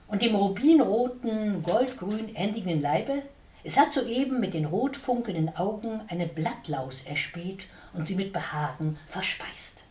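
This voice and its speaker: A woman reading animal and nature tales aloud, her pitch moving a lot as she tells them. She is set back from the microphone, and the room around her rings with echo. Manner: expressive, lively storytelling. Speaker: reader. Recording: roomy, distant mic.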